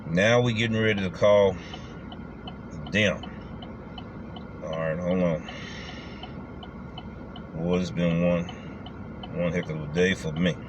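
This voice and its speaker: A man with a very low voice talks in a casual vlog style. He is colloquial and emphatic, circling back over his phrases, with clear background noise like a vehicle's hum. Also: steady tone, takes it slowly, long pauses. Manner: colloquial, emphatic, repeats himself. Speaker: delivery driver and vlogger.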